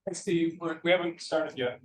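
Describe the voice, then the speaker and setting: A meeting chair calling a town board meeting to order and asking for public comments, speaking informally and haltingly. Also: mid-range voice, steady tone, echoey room, low-quality recording. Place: meeting room.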